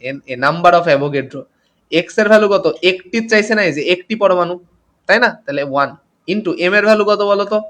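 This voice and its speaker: Tired tutor, high voice. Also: male voice, brisk, a bit bright. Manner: reads out comments and greets students by name, mixes English terms. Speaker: chemistry tutor. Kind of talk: live online class teaching.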